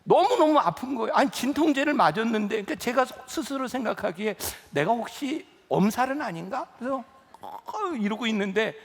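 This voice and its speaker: A man's voice: very high-pitched, lively intonation, brisk. A middle-aged man preaching a sermon as pastor, telling stories and rising to emphatic pleas. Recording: long reverb of a church hall.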